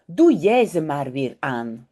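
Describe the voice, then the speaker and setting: A woman's voice: deep voice, big pitch swings, slow pace, dark tone, voice pushed down, exaggerated voice. A woman voicing an eager, slightly whiny little boy in a read-aloud children's storybook. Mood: agreeable.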